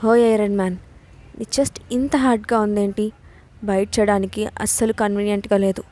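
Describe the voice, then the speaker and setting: A woman voicing a quick-tempered, childlike young bride in a storybook reading. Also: mid-range voice, steady tone, warm tone, natural voice. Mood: fiery, petulant.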